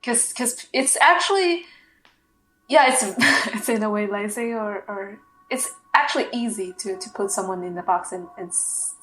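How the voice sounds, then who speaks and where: A woman's voice: medium pitch, normal speed, roomy sound, soft background music, rough recording. A woman hosting a podcast interview, reflecting back her guest's words with searching, affirming phrasing. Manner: warm affirming, frequent "yeah"s, searching phrasing. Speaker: podcast host. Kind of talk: interview conversation.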